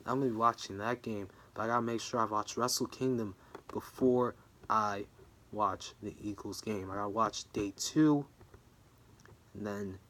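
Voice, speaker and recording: A man's voice: fairly low pitch, a bit bright. A tired man rambling through his wrestling predictions in a casual home vlog, often sidetracking himself. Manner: rambling, self-interrupting, easily sidetracked. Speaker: wrestling vlogger. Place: room at home.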